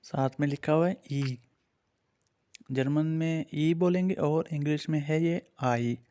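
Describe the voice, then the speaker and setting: A man's voice: fairly high pitch, unhurried, dark tone, clear, resonant tone. A man with an Urdu-influenced accent teaching a beginners' language lesson, patiently naming and repeating each letter for his learners.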